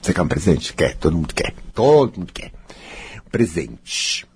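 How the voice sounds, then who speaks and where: A man's voice: sing-song, moderate pace, a little mellow, slightly rough. A man giving a guided self-help talk, dramatic, playing out inner voices. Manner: dramatic, acts out inner voices, swings high and low.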